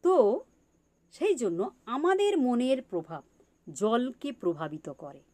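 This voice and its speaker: Woman teacher, slow and animated, repeats herself and asks questions. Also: a little high. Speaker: spiritual teacher. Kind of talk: teaching talk on meditation in farming.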